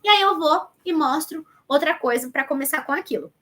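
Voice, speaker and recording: A woman's voice: high-pitched, animated, a little fast, a bit bright. A Brazilian woman teaching an online lesson in a conversational way, addressing viewers directly and thinking aloud as she goes. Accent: Brazilian Portuguese. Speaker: educator teaching child development planning.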